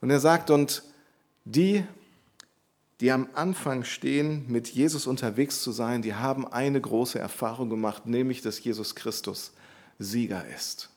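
A man's voice: mid-range voice, measured pace, a little mellow. A man preaching a sermon, explaining a Bible passage in an earnest, teaching way and repeating key phrases for emphasis.

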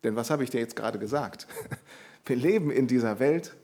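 A man's voice: mid-range voice, moderate pace, mellow. A man preaching a sermon, explaining a Bible passage in an earnest, teaching way and repeating key phrases for emphasis.

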